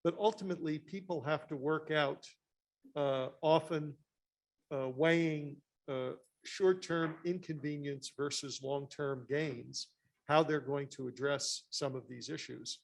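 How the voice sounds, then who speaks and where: A man on a discussion panel talking through a face mask, slightly muffled, with measured, halting and deliberate phrasing. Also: a little high, steady tone, gravelly.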